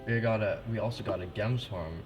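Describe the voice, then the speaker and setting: A man's voice: lowish voice, brisk. A man casually demonstrating church organ stops at the console, talking informally with many restarts and fillers. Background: loud pipe organ playing.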